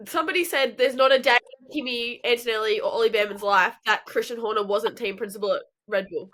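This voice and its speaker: A woman's voice: on the high side, fast, a bit bright, slight background noise. A woman co-hosting a casual podcast, speaking frankly and emphatically with lots of filler words. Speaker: podcast co-host. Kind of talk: casual chat.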